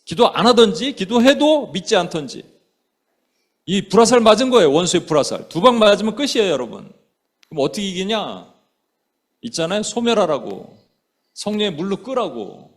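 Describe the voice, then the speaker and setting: Storytelling Korean pastor preaching a sermon. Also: male voice, sits high, sing-song, moderate pace. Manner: storytelling, acting out quoted lines, addressing congregation as 여러분; mixes in English words.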